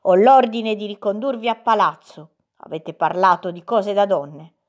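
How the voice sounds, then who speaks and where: A woman voicing a stern, loyal young squire who gives loud, commanding orders, in a storybook reading. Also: mid-range voice, fairly even intonation, moderate pace, natural voice.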